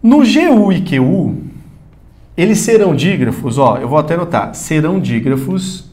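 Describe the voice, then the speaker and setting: A man's voice: fairly high pitch, very animated, moderate pace, a little mellow. A man teaching a recorded grammar lesson, talking straight to the student and repeating the key points.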